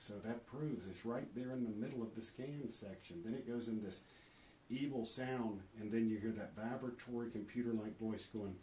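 Low, earnest male host; awed explainer, slight background hiss. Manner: awed, earnest, quotes heard voices softly. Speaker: paranormal recording investigator. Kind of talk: earnest explanatory monologue with scripture reading.

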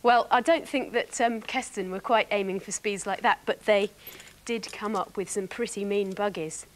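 A young woman presenting a children's TV programme, explaining things clearly and brightly to young viewers. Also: medium pitch, normal speed, slight background noise.

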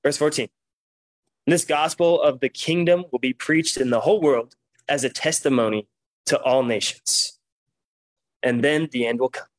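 A young man preaching and reading scripture from a lectern, with an emphatic, deliberate public delivery. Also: medium pitch, no room sound, low-quality recording. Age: young adult. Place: meeting room, standing at a lectern.

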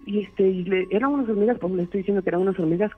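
A man's voice: high-pitched, very fast, faint music behind. Caller: man, rambling storyteller, heard through a tinny phone line. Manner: rambling, many "este" fillers. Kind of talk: telling a true scary story.

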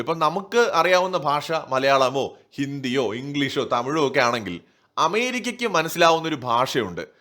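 The speaker is a man commenting on politics for online news, his voice a little high and a bit bright. He makes his points with emphasis and rhetoric, questioning himself and supplying the answers.

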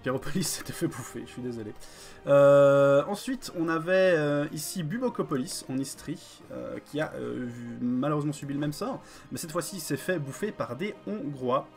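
A man's voice: a little high, animated, normal speed, vocal fry, a little mellow, faint music behind. A man hosting a live strategy game stream, talking with many fillers and greeting viewers in chat.

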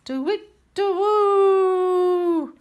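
Storybook night owl, very high, loud, swooping hoots, startling. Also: female voice, very slow, heavily acted. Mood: hooting. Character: wise hooting owl, startling, disturbed at night.

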